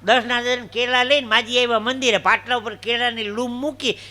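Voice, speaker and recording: A man tells stage jokes and folk stories, slipping into little voices for the people in them. His voice sits high for a man, and his tone is very bright and ringing. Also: brisk. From Gujarat, India. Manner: animated joke telling with acted dialogue voices. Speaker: stand-up comedian. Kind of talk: live folk comedy storytelling.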